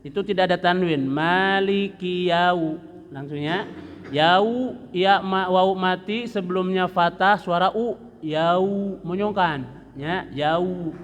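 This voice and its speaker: A male religious teacher with a Sundanese Indonesian accent leads a mosque lesson, speaking slowly in a fairly high voice. He stretches and chants phrases to show how they should be recited. His voice carries a long echo from the mosque hall. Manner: slow, drawn-out demonstrations of recitation, chanting phrases.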